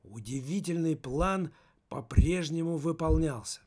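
A man narrating a novel as an audiobook, steady and measured. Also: fairly high pitch.

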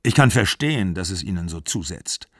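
A man voicing a calm, weary middle-aged actor who speaks in a quiet, measured, soothing way in a literary audiobook reading. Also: deep voice, breathy edge, no room sound, studio quality, pitched below the performer's own voice, full character voice.

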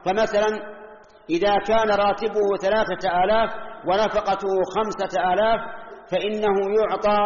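An older man from Saudi Arabia giving a Friday sermon in a mosque, explaining rules point by point with worked examples. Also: high-pitched. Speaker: preacher. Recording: echoey hall, lo-fi old recording.

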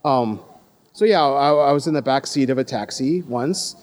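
Speaking at a moderate pace in a mid-range voice, this thirty-something American from Los Angeles shares personal anecdotes in a relaxed way. He's self-deprecating, breaks into laughter, and frequently starts his sentences over.

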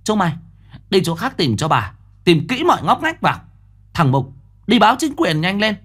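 A man voicing a stern older mother-in-law who barks orders and scolds in a shrill, high voice. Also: big pitch swings, normal speed, fairly bright tone. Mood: furious.

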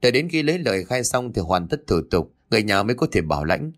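A man doing a patient calm policeman. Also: on the low side, quick pace. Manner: gentle, explaining.

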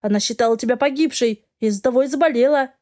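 Bitter hostile stepmother, read by a woman, harsh and accusing, a bit high. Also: fast talker, darkish tone, lightly acted. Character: haughty, hostile middle-aged stepmother.

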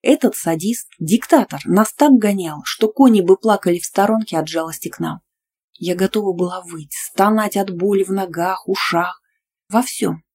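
A woman narrating a first-person audiobook in a lively, playful, ironic way. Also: mid-range voice, normal speed, husky.

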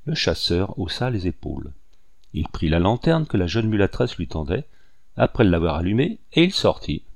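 Low-voiced man reading an audiobook. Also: big pitch swings, normal speed, vocal fry, no echo. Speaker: audiobook reader. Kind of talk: audiobook narration.

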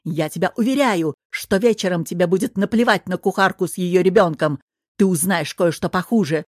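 A woman voicing a cool, sarcastic older male governor who speaks calmly. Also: fairly low pitch, fairly quick, no echo, clean studio sound, lightly acted. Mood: calm commanding. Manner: calm, sarcastic.

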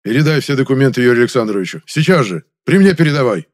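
A man voicing a loud, bossy older male film official in an audiobook, scolding and booming. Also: fairly quick, natural voice. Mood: furious.

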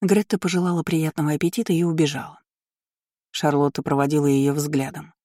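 Brief: measured novel narrator, mellow dark timbre, dry close recording. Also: mid-range voice, no room sound. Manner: even, measured storytelling. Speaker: audiobook narrator. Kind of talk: scripted narration.

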